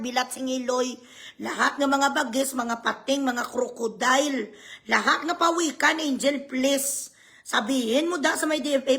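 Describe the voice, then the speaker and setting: A woman's voice: high-pitched, fairly bright tone. A woman ranting in a vlog, mocking and sarcastic, swearing freely. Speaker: vlogger.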